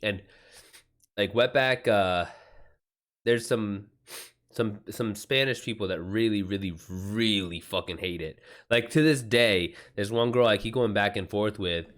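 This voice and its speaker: A man speaks in a lowish, slightly bright voice at a measured pace, chatting informally as an author during a livestream. Rambling and sweary, his slangy stories recount conversations as quoted back-and-forth.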